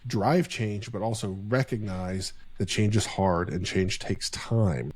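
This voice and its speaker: A man's voice: fairly low pitch, slow pace, a little mellow, husky, no room sound. Earnest, reflective male podcast co-host. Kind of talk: casual podcast chat. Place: home office.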